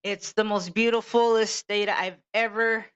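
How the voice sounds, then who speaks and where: A woman in her fifties, an LA native, co-hosts a podcast with laid-back, chatty banter and casual swearing. She sounds unhurried, with a clean mid-range voice and fairly even intonation. The sound quality is dull and lo-fi.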